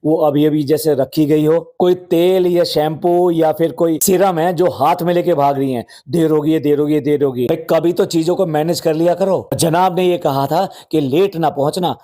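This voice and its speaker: A man's voice: fairly high pitch, steady tone, normal speed, hardly any pauses, dark tone. A man hosting a commentary podcast, scolding and mocking the people in the videos and repeating phrases for effect. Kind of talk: sarcastic commentary on vlogs.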